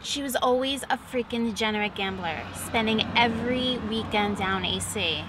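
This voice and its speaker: Woman acting a high-voiced, taunting mob enforcer. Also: normal speed, reverberant, background noise, close to an everyday voice. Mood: scornful. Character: scornful, threatening female mob debt enforcer.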